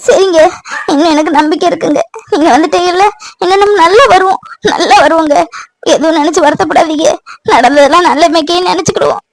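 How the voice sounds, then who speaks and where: A woman voicing a devoted village wife and mother in an animated family drama, pleading and soothing. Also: extremely high pitch, quick pace, dry recording, rough recording. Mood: tearful. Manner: pleading, soothing, then bustling.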